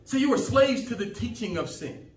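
A man's voice: extremely high pitch, sing-song, normal speed, faint music behind. A male pastor preaching a sermon with impassioned, emphatic delivery, reading and explaining scripture in a church sanctuary. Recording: echoey church hall, distant mic.

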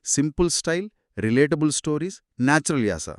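A man's voice: fairly high pitch, lively intonation, fairly quick, no room sound, clean studio sound. A man co-hosting a book discussion podcast, asking follow-up questions and recapping points. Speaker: podcast co-host.

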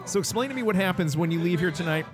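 A man's voice: high voice, animated, rapid-fire. An easygoing man hosts a live stream in a mid-range voice, reading out chat comments and asking his guest questions. Music plays steadily in the background. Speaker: host.

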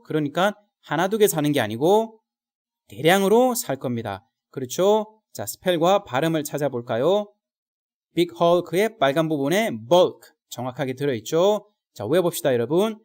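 A man teaching vocabulary in a recorded lesson, speaking straight to viewers and drilling slow example sentences. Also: a little high, a little mellow.

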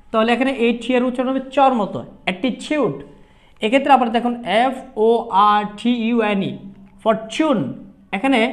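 A woman teaching an English pronunciation lesson, who spells words letter by letter and repeats each example word slowly. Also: fairly high pitch.

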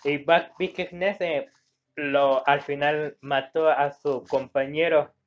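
A man's voice: fairly high pitch, fairly even intonation, slow. A man with a Mexican Spanish accent giving casual gameplay commentary, rambling and searching for words as he reads game words aloud. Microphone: phone. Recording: dull lo-fi phone recording.

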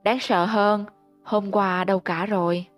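A woman host narrating a ghost story in a steady, measured storytelling manner, on a close mic. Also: mid-range voice, faint music behind.

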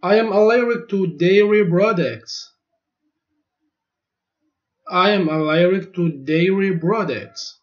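A man reads lesson phrases at a very slow, careful pace, repeating each one twice. His voice sits fairly high for a man. The recording sounds dull and lo-fi. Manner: each phrase spoken twice, clearly and deliberately. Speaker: language teacher.

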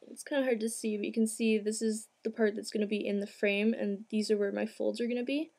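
A craft tutorial host, a young adult woman, talks through a hands-on project step by step in a relaxed, straightforward manner. Her voice is medium in pitch and warm. She records in a small room at home, and the amateur home video is clear, with background noise present.

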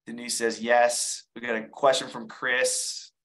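A man's voice: medium pitch, flat delivery, measured pace, fairly bright tone, poor audio. Casual man teaching a live webinar. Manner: casual, repeats words while explaining. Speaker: online seller giving a webinar.

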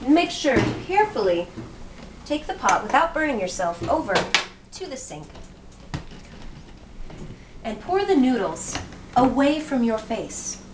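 This young adult woman has a high, very animated voice, keeping a measured pace and pausing often. She narrates a chatty, jokey cooking how-to from a small home kitchen, mocking herself and moving as she cooks. The audio, from a moving handheld camera mic, is noisy.

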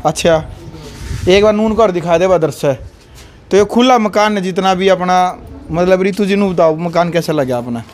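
A man's voice: sits high, moderate pace, a little mellow. A young man with a Haryanvi accent, chatting casually as he gives a house tour in a rural home, laughing often. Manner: chatty, laughs often, points things out to camera. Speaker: vlogger giving a house tour. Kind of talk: casual vlog chat. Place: rural house and courtyard, outdoors and indoors. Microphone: handheld phone mic.

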